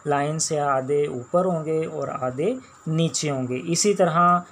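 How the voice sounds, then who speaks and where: A man with a Pakistani accent teaching a shorthand class, explaining each sound slowly and repeating words as he writes them out. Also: fairly high pitch, gravelly, a bit bright, slight background noise. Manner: slow, patient, repeats each sound and word. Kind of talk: classroom lecture while writing on a board.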